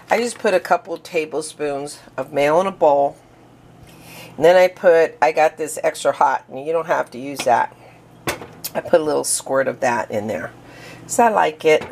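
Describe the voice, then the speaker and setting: A woman's voice: low voice, a little hiss or hum. A woman vlogging a casual cooking demo in her home kitchen, chatty and rambling with many fillers and restarts, breathing hard.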